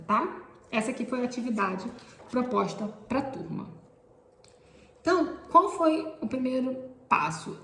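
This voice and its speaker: A woman's voice: fairly high pitch, a little mellow, echoey room, slight background noise. A woman teacher, explaining classroom activities step by step and often pointing things out. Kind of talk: instructional explanation.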